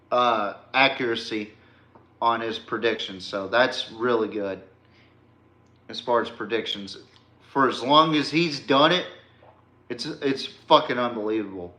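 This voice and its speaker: A Texan podcast host with a mid-range, sharp-toned voice talks casually to viewers about sports, using slangy, folksy language. The recording sounds roomy and echoey.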